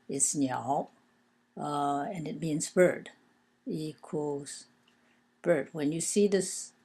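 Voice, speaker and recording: A woman giving an informal language lesson in a low, dark voice with a gravelly edge. She talks unhurriedly, fills gaps with "uh" and "um", and spells and counts things out for her students. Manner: hesitant, many fillers and restarts; slow, counting and spelling aloud. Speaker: teacher.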